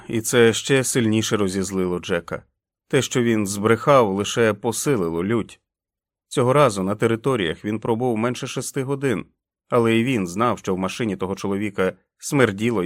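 A man reading a novel aloud as an audiobook narrator, with dramatic, expressive delivery. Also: on the low side, no room sound, clean studio sound.

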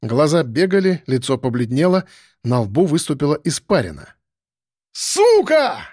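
A man reading a novel aloud as narrator, in an expressive manner. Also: mid-range voice, moderate pace, husky, dry recording, studio quality. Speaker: audiobook narrator. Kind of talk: scripted narration.

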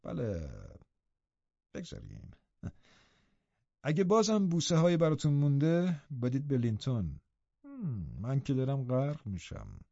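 A man voicing a bitter, scheming middle-aged man in an audiobook, speaking in a low, muttering, sardonic manner. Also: very animated, vocal fry, pauses often, warm tone, dry recording. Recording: dull, dry audiobook recording.

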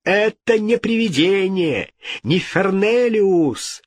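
A man voicing a frightened, excitable middle-aged king who pleads in a shrill voice and then barks commands. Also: unhurried, slightly rough, no echo, exaggerated voice. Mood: angry commanding. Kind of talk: audiobook character voice.

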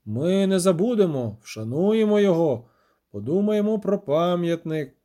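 A man's voice: high-pitched, big pitch swings, mellow. A man playing a pompous, solemn burgomaster. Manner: solemn, pompous, slow speech. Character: pompous middle-aged male burgomaster.

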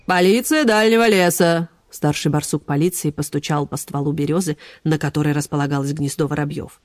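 A woman narrating a children's story in an expressive storybook style. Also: low-pitched, fairly quick, no room sound. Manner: expressive, animated voices. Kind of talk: storybook reading.

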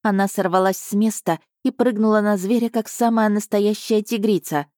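A woman narrating a fantasy audiobook in the first person, lively and expressive. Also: mid-range voice, normal speed, no echo, studio quality. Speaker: audiobook reader.

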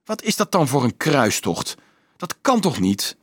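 A man reading an audiobook, voicing a teenage boy who is upset and bewildered, asking high, urgent questions. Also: very animated, a little slow, no echo, clean studio sound.

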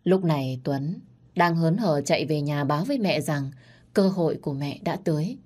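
A woman narrating a dramatic story, reading every part herself and rising loud and high in the quarrels. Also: animated, moderate pace. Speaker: storyteller narrating all parts.

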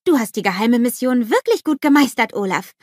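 A woman's voice: on the high side, very animated, a little fast, darkish tone, no room sound, clean studio sound, voice pushed up. A woman voicing an eager, bubbly young princess in a storybook.

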